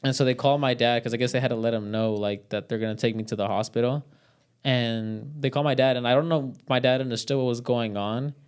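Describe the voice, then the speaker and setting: A man's voice: mid-range voice, fairly even intonation, fast, smooth. A young man telling a story in casual podcast chat, rambling and swearing with many fillers.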